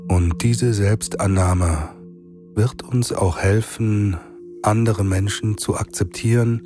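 A man narrating a guided sleep meditation like a soothing sleep-story narrator, with long pauses between phrases. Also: fairly low pitch, fairly even intonation. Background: meditative singing bowl music.

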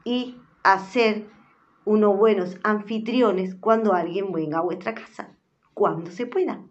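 A woman host reading a children's story aloud, lively and expressive. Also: medium pitch, unhurried, highs cut off.

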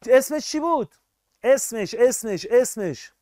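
A man teaching a live online physics class, energetic and upbeat, constantly urging students to answer and praising them. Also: extremely high pitch, dry recording, clean studio sound.

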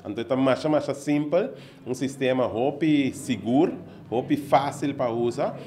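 A man's voice: mid-range voice, a little slow, warm tone, slight background noise. A middle-aged man, earnestly explaining his business into a handheld mic in a news interview indoors. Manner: earnest, explaining step by step with many fillers. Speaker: business owner being interviewed. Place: indoor office at an opening event. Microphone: handheld reporter mic held close.

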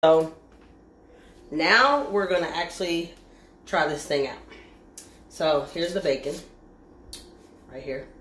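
A woman's voice: low voice, slow, pauses often, fairly bright tone. A woman chatting casually in a cooking vlog, filling her talk with "like" and talking while she eats. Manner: chatty, frequent "like" fillers, talks while eating. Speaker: vlogger. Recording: echoey room.

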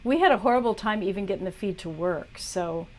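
A woman's voice: medium pitch, expressive, brisk, a little mellow. A woman teaching art on a livestream, chatting casually as she talks viewers through a drawing demo. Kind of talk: live demo tutorial.

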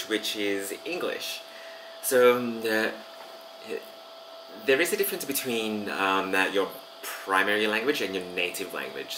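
A man in his thirties from Vanuatu, with an Australian accent and a lowish voice, works as a language teacher and chats casually to camera from a small room where he sits. His talk is full of fillers and pauses, and the background is noisy.

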